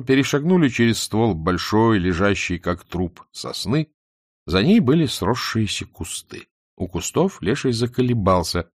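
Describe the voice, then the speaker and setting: A man narrating a humorous audiobook in a wry, measured storytelling manner. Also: lowish voice, slightly rough, no room sound, studio quality.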